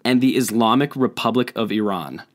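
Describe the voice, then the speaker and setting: A young man hosting a casual podcast chat, hoarse from bronchitis, with a low husky voice and a joking, self-deprecating manner. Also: moderate pace. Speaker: podcast host.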